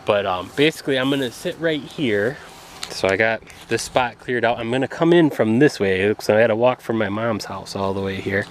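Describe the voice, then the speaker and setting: A man's voice: fairly low pitch, normal speed, slight background noise, rough recording. A man giving a casual vlog walk-through outdoors in the woods while out of breath, rambling with fillers and chuckles. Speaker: family vlogger.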